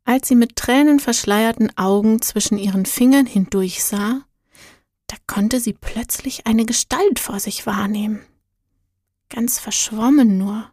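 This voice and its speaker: Sanfte, langsame Märchenerzählerin. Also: female voice, on the high side, a little slow, no echo, studio quality. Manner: soft, calm, often half-whispered telling. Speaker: storyteller. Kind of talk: scripted narration of a spiritual children's story.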